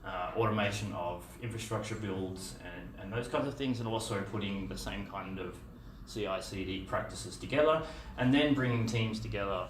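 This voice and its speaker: A middle-aged man with an Australian accent presents a meetup conference talk in an easygoing way, peppered with fillers and restarts. His lowish voice moves at a moderate pace with hardly any pauses. The distant camera mic places him in a dim, echoey room with a projector screen, with slight background noise.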